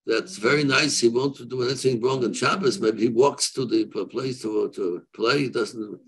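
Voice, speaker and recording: A man in his seventies, a rabbi answering questions off the cuff on a video call, haltingly repeating and rephrasing as he weighs both sides. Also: mid-range voice, fairly bright tone, slightly rough, low-quality recording. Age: 70s. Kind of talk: unscripted religious question-and-answer. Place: room, seated on a video call. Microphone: video call microphone.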